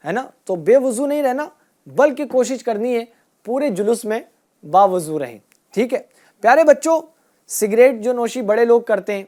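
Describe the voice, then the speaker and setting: A woman teaching a group of children, asking them questions and repeating their answers, and drawing out key words slowly. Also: medium pitch, darkish tone. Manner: asks a question, then repeats the answer back. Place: room with children and a passed microphone.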